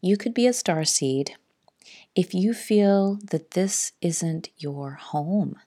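A middle-aged woman hosting a spiritual talk in a casual monologue, speaking softly and often dropping to a hushed whisper. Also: fairly low pitch, lively intonation, slow, husky. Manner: soft-spoken, drops to hushed whispers. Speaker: spiritual podcast host.

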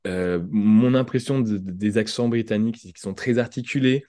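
A man's voice: on the low side, fairly even intonation, normal speed, dark tone, no room sound, clean studio sound. A French man speaking as a podcast guest, explaining thoughtfully with examples and frequent restarts. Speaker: podcast guest, language entrepreneur. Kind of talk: conversational interview.

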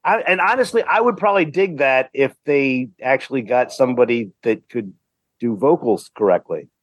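A man in casual podcast chat, halting and restarting as he forms his opinions. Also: medium pitch, expressive, dry recording.

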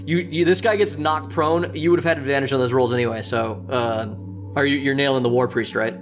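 A man's voice: mid-range voice, steady tone, a little fast. A man narrating a tabletop game as game master in a casual, improvised way.

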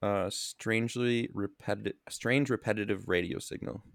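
Male podcast co-host, very deep dry voice, halting and self-correcting, has hiccups. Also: steady tone, gravelly, no echo. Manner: halting, restarts and self-corrections, reads search results aloud. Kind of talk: casual chat.

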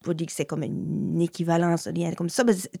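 Woman, Acadian French accent from Nova Scotia, lowish voice, dry close sound, stumbling eager questions. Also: flat delivery, creaky, warm tone, slightly rough, no echo. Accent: Acadian French, Baie-Sainte-Marie. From Baie-Sainte-Marie, Nova Scotia. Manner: rapid, searching, with repeated restarts. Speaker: podcast host. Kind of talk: interviewing.

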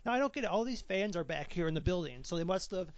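A man's voice: high-pitched, lively intonation, fast, no room sound. A man co-hosting a podcast, chatting casually and rambling with lots of restarts while watching wrestling. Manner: rambling, self-interrupting, chatty. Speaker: podcast co-host. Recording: dull lo-fi podcast audio.

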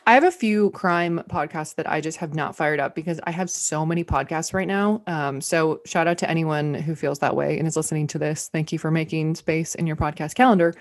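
A woman co-hosting a podcast in casual chat, wry and playful with quick asides. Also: low voice, fairly even intonation, no echo, clean studio sound. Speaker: podcast co-host.

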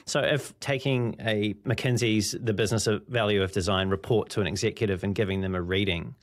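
A man hosting an interview, asking long, measured questions and quoting his guest. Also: on the low side, steady tone. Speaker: interviewer, host.

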